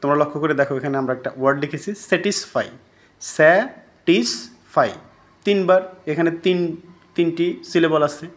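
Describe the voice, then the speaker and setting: Male teacher, slightly high voice, recorded lesson, asks and answers his own questions. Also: fast. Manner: asks students questions and answers them himself.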